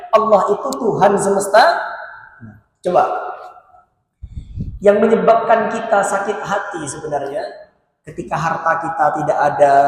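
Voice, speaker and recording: A male preacher gives a sermon, asking his listeners questions and answering them himself. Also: high voice. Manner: asks the crowd rhetorical questions and answers them. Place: large mosque hall. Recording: very echoey hall with long reverb, faint noise.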